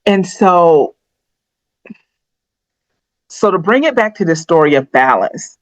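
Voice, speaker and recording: Slow and low-pitched, with big pitch swings, a middle-aged woman speaks candidly and personally as a podcast co-host, thinking aloud and restarting often. There's no echo, and the audio is dry and slightly dull.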